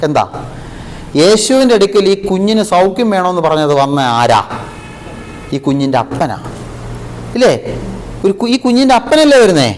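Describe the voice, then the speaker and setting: Animated priest preaching a sermon. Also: male voice, a little hiss or hum, low-quality recording. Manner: asks the listeners questions and repeats key phrases; animated, with big swings of pitch and loudness.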